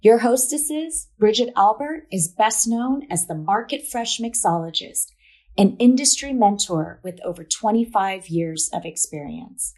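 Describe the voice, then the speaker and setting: A woman's voice: mid-range voice, lively intonation, measured pace, a little mellow. Woman reading a polished podcast intro. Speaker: podcast host. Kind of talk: scripted show intro.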